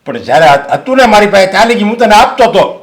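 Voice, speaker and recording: An actor playing a middle-aged father ruined by gambling, who swings from quiet pleading to angry shouting. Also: moderate pace, close to an everyday voice. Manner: pleading low, then shouting angrily. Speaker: father who gambled away his money. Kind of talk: Gujarati short-film acting.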